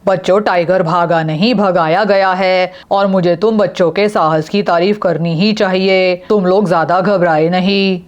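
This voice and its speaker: A woman's voice: on the low side, fairly even intonation, unhurried, hardly any pauses, lo-fi sound, lightly acted. A brave young father in a doll storybook, voiced by a woman in her ordinary voice. He talks steadily and reassuringly, giving firm, commanding orders. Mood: steady. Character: calm brave young father on a camping trip.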